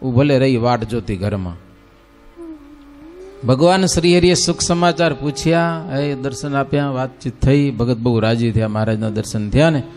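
A male religious storyteller narrates a devotional tale. He is folksy and animated, with a voice of middling pitch. Faint devotional music plays behind him. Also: normal speed. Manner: folksy, animated storytelling, breaks into sung verse.

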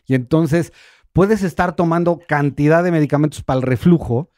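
A man, a gastroenterologist guest calmly explaining symptoms on a radio talk show. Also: on the high side, moderate pace, no echo, studio quality. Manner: calm, explanatory, walks through a quiz step by step. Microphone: studio microphone.

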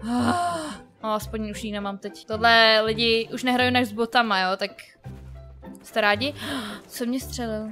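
Excitable young woman, high bright voice. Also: faint music behind. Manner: excitable, flustered, shrieks and laughs at the game. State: sore throat from yelling. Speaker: gaming YouTuber. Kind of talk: casual gameplay commentary.

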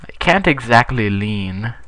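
Slow-talking goofy young man gaming. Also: medium pitch, animated, slight background noise. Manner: goofy, playful, with sudden loud yelps. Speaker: gamer. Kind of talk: casual gameplay commentary.

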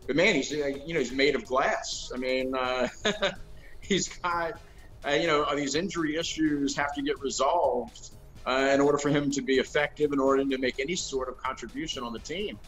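A man's voice: mid-range voice, moderate pace, a bit bright, soft background music, poor audio. Middle-aged man analyzing over a video call. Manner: thoughtful, hedging with many fillers and restarts. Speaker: co-host analyst. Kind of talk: casual football analysis. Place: room at home. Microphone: video call webcam.

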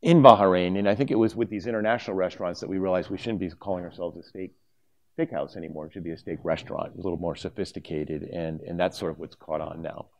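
A middle-aged man speaks from a lectern on a conference stage, talking through his slides in a relaxed, unscripted way. His voice sits very low, and he often restarts his sentences with filler words. He is picked up by a small lapel mic. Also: fast talker. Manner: conversational, with many fillers and restarts. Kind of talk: conference presentation.

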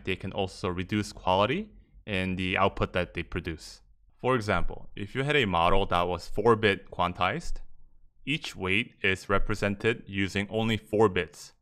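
A man narrating a calm tutorial over slides, explaining terms step by step with a few casual asides. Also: deep voice, smooth. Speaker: tech explainer. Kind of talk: screen-recorded tutorial narration.

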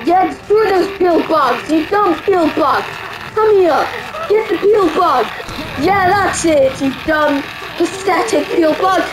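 A young woman doing excitable, playful let's-play commentary, taunting the enemies she fights. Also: extremely high pitch, slow, noisy background. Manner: excitable, playful trash-talk at game enemies. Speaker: gaming YouTuber. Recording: game music playing behind. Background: game music.

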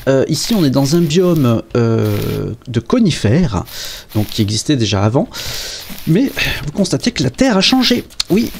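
A man's voice: fairly high pitch, a little mellow. A man casually commenting on a game as he plays, chatty and hesitant, with many fillers and joking asides. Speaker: game video presenter.

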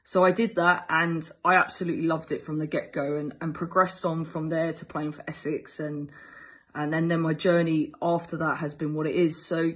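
Her voice is low and slightly rough, with little pitch movement and a moderate pace. She's a thirtysomething fast bowling coach from England, keenly answering an interviewer's questions on a video call while filling gaps and restarting often, using earbuds in a small indoor room.

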